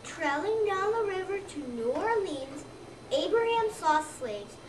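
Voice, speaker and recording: Reading scripted readers-theater narration, a child of roughly seven or eight in second grade speaks in a very high, very animated voice without hurrying. The room is echoey, the mic distant, and the background noisy.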